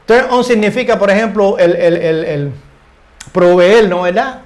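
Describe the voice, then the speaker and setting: An older male English teacher with a notably high, slightly mellow voice gives a casual, unhurried spoken grammar lesson. He checks in often with short tag questions and stumbles over repeated words while searching for the right phrase.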